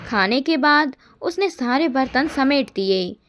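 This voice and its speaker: Slow, calm woman storyteller. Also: high-pitched, a little hiss or hum. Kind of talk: scripted family-story narration.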